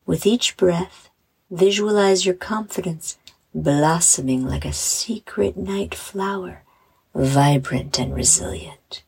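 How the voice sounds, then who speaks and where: A woman narrates a bedtime meditation in the manner of a sleep story narrator. Her voice is very breathy and fairly low, with some creak at the edges. She is soothing and gentle, letting phrases trail softly. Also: slow, low-quality recording. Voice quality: breathy, soft. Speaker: host and meditation guide.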